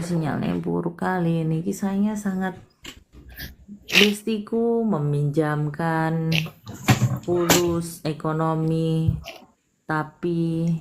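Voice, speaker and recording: A woman with a deep voice hosts a live-streamed palm reading against a noisy background. She reads and consoles the caller soothingly, often calling them sayang, meaning dear.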